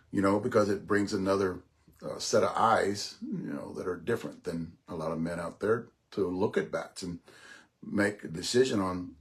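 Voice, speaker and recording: Rambling man in his sixties, lowish voice. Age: 60s. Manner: rambling, repeats himself, swears casually. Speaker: podcast host. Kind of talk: casual monologue.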